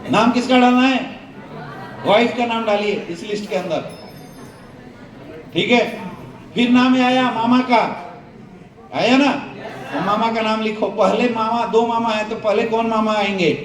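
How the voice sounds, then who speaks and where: Speaking unhurriedly with long pauses, a high-voiced man delivers a motivational sales training talk with fairly even intonation. He quizzes the crowd with call-and-response questions, picked up by a distant mic in an echoey hall.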